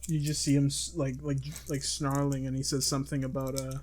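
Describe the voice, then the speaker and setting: A man narrates as game master of a loose comedy role-play and rambles through his scenes. He keeps restarting his sentences. His voice is fairly flat in pitch. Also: fairly quick, slight background noise. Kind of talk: casual improvised game narration.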